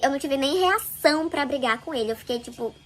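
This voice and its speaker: Rapid-fire high-voiced woman storyteller. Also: expressive, a bit bright, slight background noise. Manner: chatty, confiding, addresses viewers. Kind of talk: fast first-person storytime narration.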